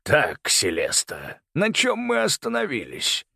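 A man's voice: a little high, huge pitch swings, unhurried, vocal fry, bright, forceful tone, slightly rough, dry recording, pitched above the performer's own voice, full character voice. A man voicing a ruthless older grandfather, lord of birds, with a menacing, sneering manner. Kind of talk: audiobook character voice.

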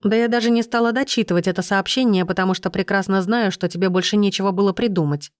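A woman's voice: mid-range voice, fairly even intonation, fast, no room sound, studio quality, close to an everyday voice. A woman voicing a young pregnant woman in a storybook, trembling and pleading. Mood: bitter.

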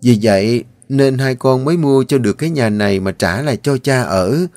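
A man reading the part of a gentle, devoted young daughter addressing her father. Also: medium pitch, moderate pace, no echo, soft background music, close to an everyday voice. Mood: tender.

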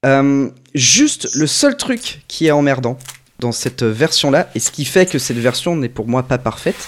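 A man's voice: medium pitch, big pitch swings, measured pace. A man from France, a podcast co-host reviewing a fan dub in casual, rambling talk that keeps correcting itself. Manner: rambling, self-correcting, conversational. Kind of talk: casual group podcast chat.

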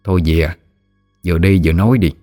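A man's voice: low voice, fast talker, dark tone, soft background music, lightly acted. A man voicing a commanding older woman of the forest who speaks in a hearty, teasing way.

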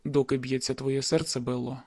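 A woman's voice: fairly even intonation, fairly quick, darkish tone, breathy edge, heavily acted. A woman voicing a stubborn, cocky young man. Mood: earnest. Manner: low, insistent and teasing.

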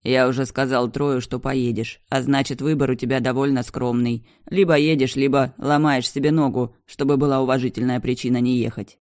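A man's voice: mid-range voice, fairly even intonation, fairly quick, hardly any pauses, a little mellow, no echo, studio quality, lightly acted. A reader voicing a cold, menacing powerful man who answers curtly in an audiobook. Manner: icy, curt, venomous. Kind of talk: audiobook dialogue.

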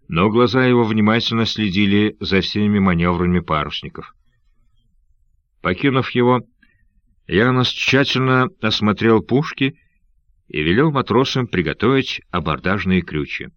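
A low-voiced male narrator reading an adventure story in a steady, measured manner. The recording is dry with no room sound and a slightly dull, lo-fi tone. It sounds like a classic audiobook. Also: no echo. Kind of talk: scripted narration of an adventure novel.

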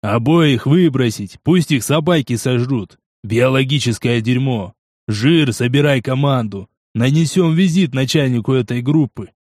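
A man voicing a cruel, cynical male gang boss in an audiobook, slow and contemptuous. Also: mid-range voice, darkish tone, dry recording, clean studio sound, lightly acted. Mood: dismissive. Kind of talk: audiobook character voice.

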